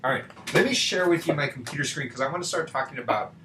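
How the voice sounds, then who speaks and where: A man's voice: on the high side, animated, fast talker, sharp tone. A man teaching math in a loose, chatty way, checking in often with "right?" His voice comes through a computer mic. The room has a noticeable echo and a faint hiss of background noise. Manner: chatty, rhetorical questions, frequent fillers. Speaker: math tutor. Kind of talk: casual online tutoring. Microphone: computer mic on a video call.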